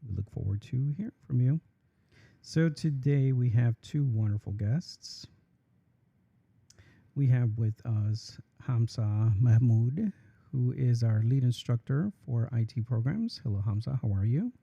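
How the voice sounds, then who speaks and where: A man's voice: medium pitch, animated, measured pace, vocal fry, dark tone, husky, lo-fi sound. A man hosting a campus podcast, introducing guests in a friendly way with fillers. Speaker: podcast host. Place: campus studio.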